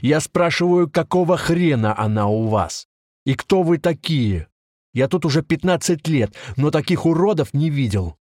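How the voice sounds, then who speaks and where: A man voicing a harsh, bullying older police officer who shouts crude, scornful questions. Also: medium pitch, normal speed, dry recording, clean studio sound, pitched above the performer's own voice, close to an everyday voice. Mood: yelling, contemptuous. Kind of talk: audiobook narration.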